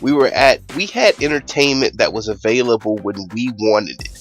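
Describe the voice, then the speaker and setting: A man's voice: medium pitch, moderate pace, faint music behind. A young man hosting his own channel, ranting casually with rambling, swear-filled emphasis. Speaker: YouTube channel host.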